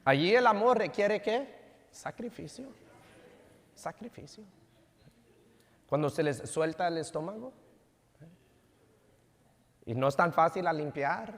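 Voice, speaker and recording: Man, pastor, 30s, sermon, switches between Spanish and English, slightly high voice, long church reverb. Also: lively intonation, normal speed, long pauses. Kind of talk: sermon with family stories. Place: church sanctuary.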